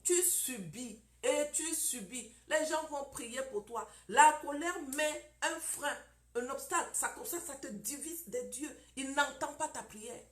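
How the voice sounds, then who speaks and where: A woman's voice: sits high, measured pace, reverberant. A woman preaching about marriage, emphatic and repetitive, firing off rhetorical questions.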